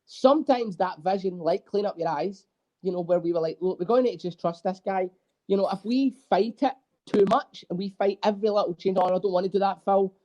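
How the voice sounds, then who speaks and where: Mellow-voiced drummer telling stories. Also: male voice, sits high, brisk, highs cut off. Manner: animated storyteller, swears freely. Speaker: guest, drummer. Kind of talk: casual podcast interview.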